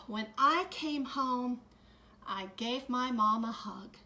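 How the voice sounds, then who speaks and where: A woman teacher in middle age reads a picture book aloud to young children. Her voice sits a little high and sounds bright, and she takes her time over every line. She stops now and then to talk gently to her listeners. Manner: slow, gentle storytime delivery with added comments to kids.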